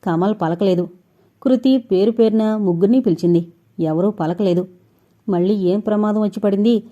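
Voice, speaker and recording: A woman narrating a suspense audio novel with steady, suspense-building storytelling. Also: medium pitch, normal speed. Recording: dull lo-fi recording.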